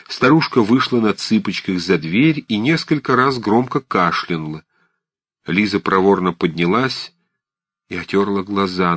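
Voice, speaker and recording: Brief: male literary narrator, low voice, lively inflection, dry close mic. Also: no echo. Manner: measured, expressive storytelling. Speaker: audiobook narrator.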